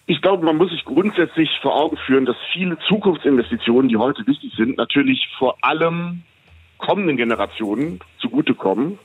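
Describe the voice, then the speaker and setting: A man, an economist guest, giving measured, explanatory interview answers with frequent hesitations. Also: fairly high pitch, expressive, slightly rough. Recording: tinny phone line, dry.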